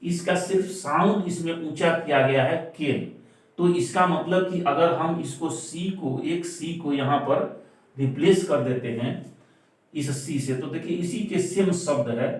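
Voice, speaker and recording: Male teacher, fairly high voice, repetitive question-and-answer delivery, very echoey room, distant mic. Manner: stresses words by repeating them slowly. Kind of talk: classroom-style explanation.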